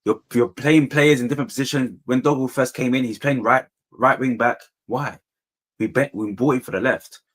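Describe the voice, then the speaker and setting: Guy, slangy football fan, mid pitch, casual debate, repeats himself. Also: fairly even intonation, normal speed.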